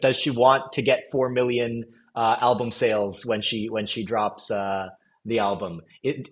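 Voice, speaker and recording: A man hosting a casual podcast chat, rambling and laughing at his own points. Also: mid-range voice. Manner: rambling, laughs while mocking himself. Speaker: podcast host.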